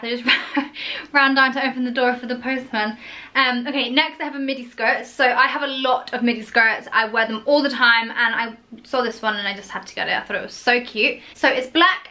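A woman's voice: a little high, bright, forceful tone. A young woman in her twenties, chatting casually and gushing about clothes in a home haul vlog, full of "like" and "so". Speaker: fashion vlogger.

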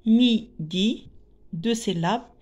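A woman teaching children to read, sounding out syllables slowly and repeating each word. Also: mid-range voice, a little mellow. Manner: adds Arabic translations. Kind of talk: reading lesson for young children.

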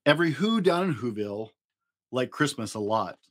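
Animated man reading a storybook. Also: medium pitch. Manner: dramatic, playful emphasis with drawn-out repeats. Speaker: dad storyteller, host. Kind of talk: expressive children's storybook reading. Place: small indoor home studio room.

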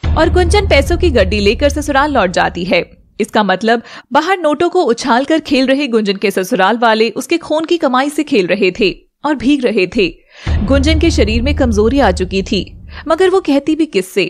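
A woman narrating a scripted animated drama in an even storytelling voice. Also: high voice, normal speed.

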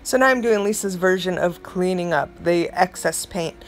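A woman's voice: on the low side, normal speed, soft background music. Chatty middle-aged woman narrating her art. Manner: chatty and rambling, self-described dramatic. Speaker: art vlogger. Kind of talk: casual voice-over narration.

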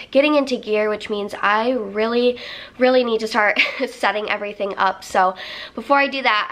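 Seated on the living room floor, a young woman with a slightly high, fairly bright voice shows baby gear in a casual haul video. Her cold leaves her congested and nasal, yet she's cheerful, talkative and quick to laugh. She's recorded first on a camera at arm's length, then from across the room.

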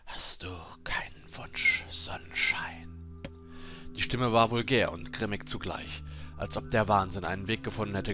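A man reading a game story aloud in a steady, dramatic storytelling voice. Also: fairly low pitch. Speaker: let's play narrator.

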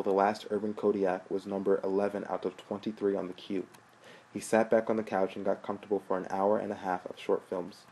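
A man narrating a story aloud in a steady, plain way. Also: sits low, slightly rough, low-quality recording. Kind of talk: audiobook narration.

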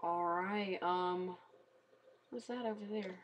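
A tired woman giving casual, chatty commentary on a game she is playing, talking quietly and swearing freely. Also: on the low side, slow pace, highs cut off, noisy background. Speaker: let's play gamer.

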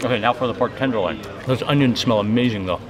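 A man's voice: medium pitch, quick pace, crowd noise. A man in his thirties, chatty and enthusiastic, filming a travel vlog with a camera held at arm's length outdoors and at a restaurant. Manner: enthusiastic, chatty, savoring food aloud. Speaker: travel vlogger. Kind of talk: casual food and travel vlog. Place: outdoors in a city, on a boat and at a restaurant. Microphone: handheld camera at arm's length. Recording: music playing underneath.

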